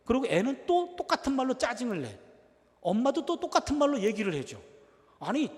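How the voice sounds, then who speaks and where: A middle-aged man preaching a sermon, telling family stories in an animated way and acting out the dialogue. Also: high-pitched. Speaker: pastor. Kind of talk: sermon with storytelling. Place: church sanctuary. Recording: church hall reverb.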